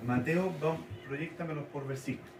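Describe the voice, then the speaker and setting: A man teaching a sermon to his congregation, slowly repeating and spelling out key words. He is recorded in a church hall. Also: a little high, a little mellow, slight background noise. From Chile. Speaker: pastor. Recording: echoey church hall, mic at a distance.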